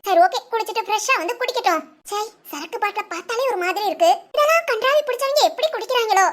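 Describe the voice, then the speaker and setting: A woman's voice: very high-pitched, expressive, fast talker. A woman playing a playful young wife who chats to herself with giggly asides in a village family comedy drama. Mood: mischievous. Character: playful young wife scheming to get her husband drunk.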